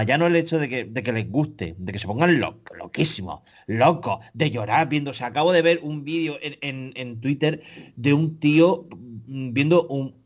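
A man co-hosting a podcast, lets loose a profane, exasperated rant. He keeps tripping over his words and restarting, his voice sitting at an ordinary mid pitch. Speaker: podcast co-host. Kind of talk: casual ranting chat.

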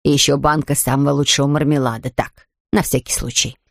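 A woman reading a storybook aloud and voicing a brisk, stern middle-aged housekeeper who grumbles in a firm, no-nonsense way. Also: very deep voice, fairly even intonation, creaky, no echo, studio quality, pitched below the performer's own voice, heavily acted.

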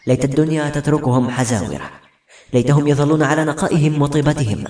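A man narrating a novel aloud in a dramatic, expressive audiobook reading. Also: on the high side, quick pace. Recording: roomy echo.

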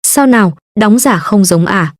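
Storybook role: woman reading a gentle, composed young nobleman, soft and soothing. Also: medium pitch, expressive, measured pace, no echo, studio quality.

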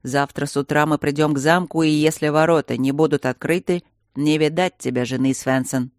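A man voicing a menacing middle-aged rebel lord who barks threats in a loud, raised voice. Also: fairly high pitch, steady tone, fairly quick, no room sound, clean studio sound, natural voice. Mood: threatening. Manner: barking, threatening.

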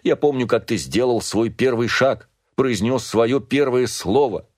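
A man's voice: fairly low pitch, expressive, normal speed, no echo, clean studio sound. A man voicing a grief-stricken middle-aged father who pleads with his son, emotional and rising to anguished cries, read as an audiobook character.

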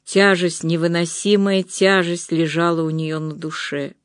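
A narrator reading a novel aloud in a measured storytelling manner. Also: medium pitch, little pitch movement, clear, resonant tone, no echo, clean studio sound. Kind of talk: audiobook narration.

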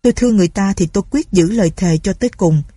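A woman's voice: mid-range voice, fast talker, warm tone, breathy edge, no echo, clean studio sound, close to an everyday voice. A woman voicing a headstrong young man who speaks urgently and defiantly. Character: headstrong young man, landlord's lovesick son.

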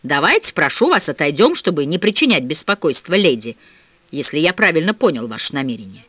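Haughty formal captain played by a male reader, raised pitch, dry dull audiobook sound. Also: sing-song, brisk, pushed and bright, dry recording, exaggerated voice.

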